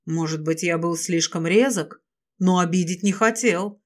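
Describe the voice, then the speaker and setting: A woman voicing a possessive, domineering male serpent lord in an audiobook, speaking low and commanding. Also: a little slow, natural voice. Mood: apologetic.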